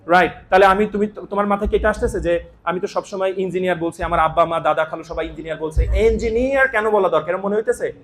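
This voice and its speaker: High-voiced man teaching an animated class. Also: poor audio. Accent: Bangladeshi Bengali. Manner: animated, teasing, calls on students by name. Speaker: English teacher. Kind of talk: lively classroom talk to students. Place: college classroom.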